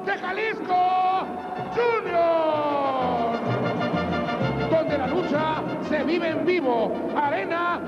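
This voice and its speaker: A Mexican man announces lucha libre in a very high, projected voice. He delivers ceremonial introductions extremely slowly, stretching names out. The old TV recording is muffled, with music behind him. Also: animated.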